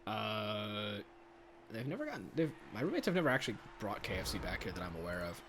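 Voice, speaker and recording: A man's voice: on the low side, fast. Guy casually calling a board game match, chatty and jokey, faint hiss behind. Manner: chatty, excitable, laughs often. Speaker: game commentator. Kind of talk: casual play-by-play commentary. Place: home room.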